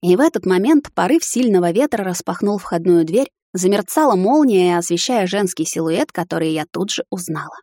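A woman giving measured first-person storybook narration. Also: lowish voice, animated, mellow, dry recording, clean studio sound.

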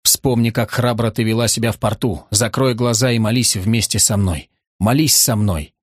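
A man's voice: lowish voice, normal speed, breathy edge, dry recording. A man voicing a stern, scheming older woman who speaks coldly and commandingly, in a dry audiobook recording. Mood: urging.

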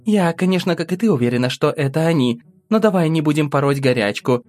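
A man doing a soft-voiced soothing countess. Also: on the high side, quick pace, voice pushed up, lightly acted. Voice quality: soft, calming. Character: gentle soothing noble countess, a mother.

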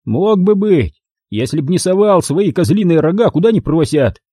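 A man's voice: a little high, very animated, normal speed, warm tone, husky, dry recording, studio quality, pitched above the performer's own voice. A man voicing a coarse young male thug who barks sneering, menacing commands. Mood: threatening.

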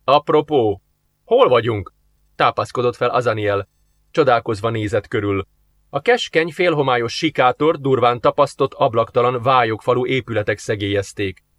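A man narrating an audiobook in a steady, measured reading voice. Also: mid-range voice, no room sound. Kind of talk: scripted narration.

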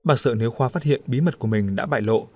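A man's voice: mid-range voice, fast, dry recording. Man narrating a story, dry voice. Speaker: audiobook narrator.

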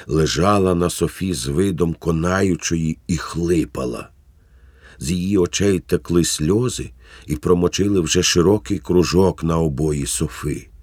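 A man narrating a classic novel as an audiobook in a measured, even way. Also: sits low, husky, no echo, clean studio sound.

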